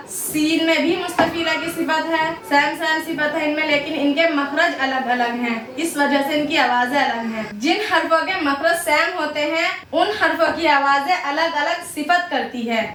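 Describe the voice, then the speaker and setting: A woman teaching Quran recitation, explaining Arabic letter sounds and drawing out slow model pronunciations between her explanations. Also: high voice, a bit bright, recorded from a distance. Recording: echoey room, voice set back from mic.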